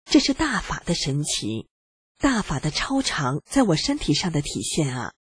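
A reader calmly and earnestly narrating a personal account in the first person, with a husky voice. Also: medium pitch, normal speed, no echo. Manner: calm, earnest reading.

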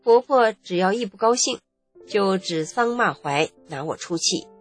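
A woman's voice: mid-range voice, expressive, measured pace, faint music behind. A woman, earnestly narrating her own life story in the first person. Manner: emotional, earnest recounting.

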